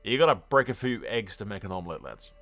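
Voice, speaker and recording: Very animated and fast, a gaming channel host with a lowish, pushed, bright voice rambles through his commentary, throwing in profane, joking asides for the audience.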